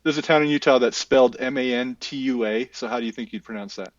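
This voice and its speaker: A man's voice: medium pitch, fast talker, no room sound, far from the mic. A man chatting as a podcast guest, telling easygoing, meandering stories with lots of little fillers. His voice sounds set back from the mic and comes through muffled and dull, like remote audio. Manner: rambling, easygoing storyteller. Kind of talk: casual podcast chat.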